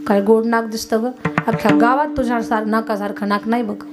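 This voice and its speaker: A woman's voice: fairly high pitch, flat delivery, a little fast, loud music behind the voice, pitched below the performer's own voice, lightly acted. Woman doing a doting village husband. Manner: calling out loudly, coaxing.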